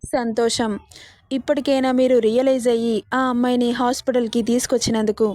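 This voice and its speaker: A woman's voice: fairly high pitch, level tone, brisk, dark tone, natural voice. A woman voicing a middle-aged male psychiatrist in a spoken story, lecturing sternly.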